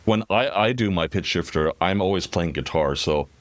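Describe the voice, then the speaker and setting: A man's voice: low voice, expressive, normal speed, no room sound. A man interviewer asking curious, informal questions with frequent fillers.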